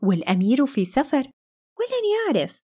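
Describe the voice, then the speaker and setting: Woman doing a sneaky palace maid, higher voice, coaxy and pushy. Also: huge pitch swings, moderate pace, warm tone, husky, full character voice. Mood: scheming, coaxing. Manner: coaxing, urgent. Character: scheming palace maidservant, woman, sly and persuasive.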